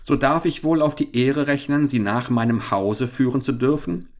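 A man voicing a scheming English police captain who talks overly loud and wails theatrically. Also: medium pitch, fairly even intonation, normal speed, voice pushed up, close to an everyday voice. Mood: fawning.

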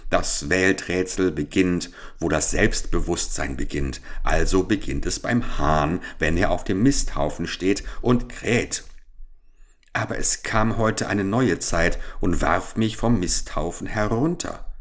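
A man's voice: low-pitched, slow pace. A man voicing a pompous, self-important rooster in a storybook reading, brooding and proclaiming grandly. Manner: grandiose, brooding, shouting out big claims. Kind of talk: storybook character voice.

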